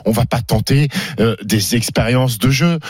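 Man, rugby pundit, emphatic, teasing, mid-pitched voice, dry close sound. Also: moderate pace, darkish tone, breathy edge, dry recording. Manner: emphatic, mocking, acts out others' thoughts. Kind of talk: heated radio sports debate.

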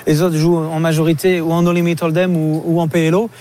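A man with a Southern French accent, a poker commentator, telling stories in quick, excited casual chat with many fillers. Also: on the high side. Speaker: poker tournament commentator calling in.

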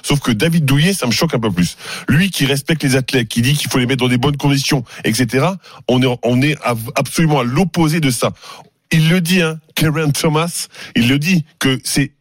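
A man's voice: medium pitch, fairly quick, no echo, clean studio sound. A man arguing indignantly on a radio sports debate, repeating himself as he presses his point.

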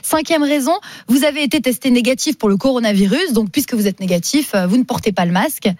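A woman co-presenting a radio show reads out a list in a brisk, matter-of-fact way. Her voice sits somewhat high, and the studio sound is dry and close. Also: a little mellow, no room sound. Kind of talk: reading out a list on air.

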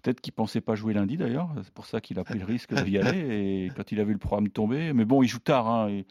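A man with a lowish voice gives tennis betting tips in a loose, animated way. He hesitates with fillers and slips in laughing asides. The recording is dry and close. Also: fast, no echo. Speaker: tennis pundit. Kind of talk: casual chat.

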